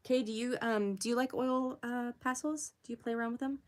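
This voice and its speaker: A young woman hosting a casual art livestream, chatting with viewers as she works, giggling often and jumping up high to greet people. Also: steady tone, fairly quick. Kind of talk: casual livestream chat while drawing.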